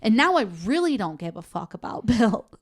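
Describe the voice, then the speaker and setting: A woman's voice: on the high side, very animated, fairly quick. A young woman co-hosting a podcast, telling a story in a heated, profane, casual way. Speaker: podcast co-host. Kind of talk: casual chat.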